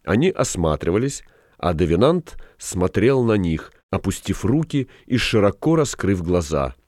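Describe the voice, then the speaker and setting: A man reading a novel aloud as audiobook narrator, measured and expressive. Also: sits low, no room sound, studio quality. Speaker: audiobook reader.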